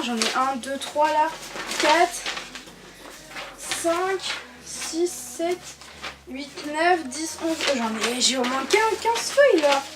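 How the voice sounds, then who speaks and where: A young woman from France chatting casually on her bed in her bedroom, laughing often, with many fillers and restarts, filmed by a camera on a tripod. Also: high voice. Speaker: YouTuber. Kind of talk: casual vlog chat.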